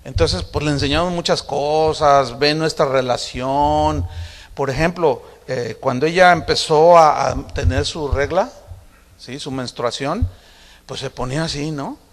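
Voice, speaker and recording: A man's voice: a little high, a little slow, big-room sound. A middle-aged man preaching a sermon in a conversational, confiding, humorous way. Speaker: pastor.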